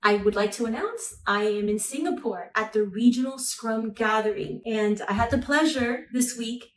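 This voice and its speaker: A woman's voice: a little high, normal speed. Upbeat woman podcast host in an echoey venue. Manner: upbeat, encouraging, asks leading questions. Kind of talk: casual interview at a conference. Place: busy conference venue. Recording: echoey, far from the mic, faint background noise.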